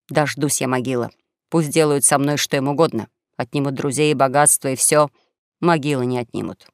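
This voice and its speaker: A man's voice: mid-range voice, clear, resonant tone, dry recording, studio quality, voice pushed down, lightly acted. A man voicing a young con-man who plays a wronged duke, mournful and grandiose. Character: young male con-man posing as a tragic duke, self-pitying.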